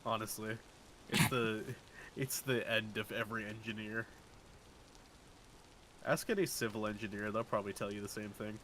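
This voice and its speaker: A man's voice: on the low side, fairly even intonation, moderate pace, pauses often, pushed and bright, slight background noise, poor audio. Laid-back man in casual gaming chat. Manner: wry, laughs often. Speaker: streamer.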